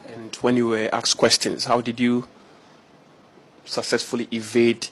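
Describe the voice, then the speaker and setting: A man's voice: mid-range voice, monotone, measured pace, breathy edge. Pressing male interviewer. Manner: pressing, repeats pointed questions. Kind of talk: confrontational interview and news report.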